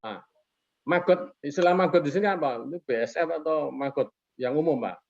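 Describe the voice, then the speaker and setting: A man's slightly high, gravelly, darkish voice moves briskly as he serves as a guest expert on a webinar. His casual, folksy explanation leans on rhetorical questions he answers himself, and he politely speaks to the host after almost every phrase. Sound comes from a video call and is lo-fi.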